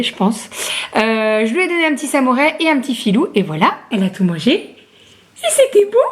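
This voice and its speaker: Chatty young mother vlogging at home. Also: a little high. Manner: chatty, filler-heavy, turns aside to coo at her baby. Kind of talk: casual home vlog chat.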